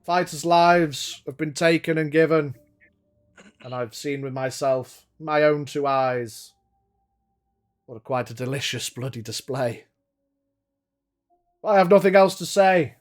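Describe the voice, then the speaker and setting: A man voicing a theatrical villainous showman whose booming voice carries across an arena, grandiose and pompous. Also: unhurried, pauses often, soft background music, natural voice. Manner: pompous, grandiose, quoting stagey lines. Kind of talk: tabletop game master voicing a character.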